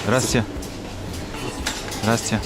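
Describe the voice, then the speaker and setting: A man's voice: medium pitch, level tone, a little slow, loud music behind the voice. A man hosting a charity show, interviewing people on location with friendly questions. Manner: friendly questioning, switching between two languages. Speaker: charity show host and reporter.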